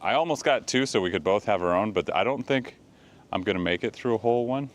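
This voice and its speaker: A man's voice: lowish voice, animated, fast, slight background noise. A man casually chatting outdoors by a campfire in falling snow, rambling with lots of fillers. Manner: rambling, filler-heavy talk with many "like"s. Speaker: channel co-host. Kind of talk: casual chat.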